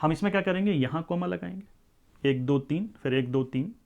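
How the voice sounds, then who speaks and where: Hindi math teacher, quizzing the class. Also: male voice, a little high, normal speed, vocal fry, darkish tone, dull audio. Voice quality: code-switches into English for number words. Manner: explains step by step, often asks the class questions. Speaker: maths teacher. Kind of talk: classroom lecture.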